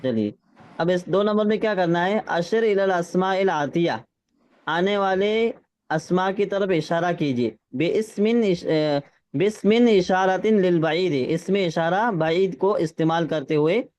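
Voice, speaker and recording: A man teaching Arabic grammar in an online class, patiently checking that students follow and reading phrases out slowly. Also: sits high, darkish tone. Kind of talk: classroom lesson with drills. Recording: slightly dull lo-fi sound.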